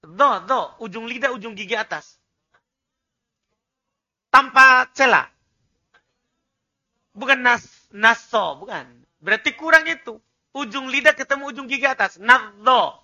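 A man with an Indonesian accent leads an Arabic classroom drill in a very high, bright, ringing voice. He speaks slowly and deliberately, modelling phrases and correcting pronunciation before having them repeated. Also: animated, muffled recording. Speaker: Arabic teacher.

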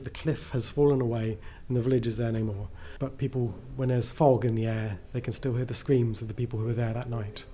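This interviewed writer is a man whose voice sits at an average pitch and sounds dark and mellow. He wanders through his answers in a relaxed, enthusiastic way, breaking into his own sentences, with faint hiss or hum in the background.

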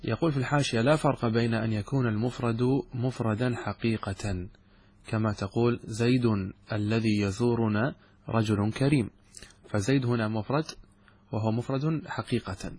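A man teaching a lesson on Arabic grammar, explaining step by step, asking questions and answering them himself, and drawing out example words slowly. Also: medium pitch, fairly even intonation, a little mellow, slightly rough.

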